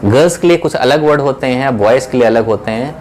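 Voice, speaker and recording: A man teaching spoken English, explaining phrases in Hindi, asking the class questions and repeating each example phrase slowly. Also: mid-range voice, darkish tone, slight background noise.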